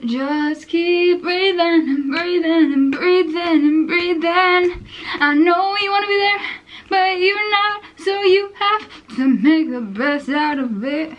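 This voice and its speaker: A young woman putting on a high, slow, soothing voice to coax herself along. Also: lo-fi sound.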